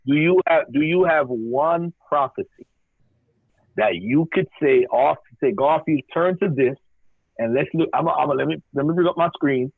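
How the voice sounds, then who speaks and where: A man's voice: a little high, normal speed, creaky, breathy edge, no echo. A man calling in to a talk show, joking and deferential as he asks his questions. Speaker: caller. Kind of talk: casual call-in talk. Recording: tinny phone line.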